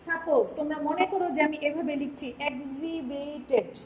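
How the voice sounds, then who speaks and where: A Bangladeshi woman teaching an online class, explaining step by step and slowly spelling words out. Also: sits high, a little hiss or hum, low-quality recording.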